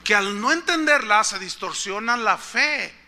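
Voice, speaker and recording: A male pastor preaches, telling a story and turning to the congregation with questions. His voice sits high for a man and rings sharp and bright. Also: expressive, a little slow. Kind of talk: sermon.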